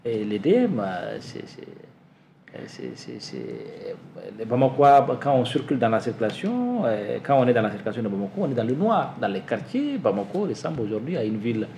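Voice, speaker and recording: A male interviewer who asks pointed questions in a lively, emphatic way and often adds filler words. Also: medium pitch, moderate pace, creaky, a little hiss or hum.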